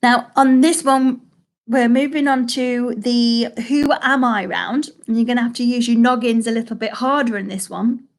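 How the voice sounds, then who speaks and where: Woman, quiz host, chatty, slow repeated questions, fairly high voice, streaming from home. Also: steady tone. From Salford, England. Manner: chatty, reads questions slowly and repeats them. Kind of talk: live-streamed pub quiz hosting.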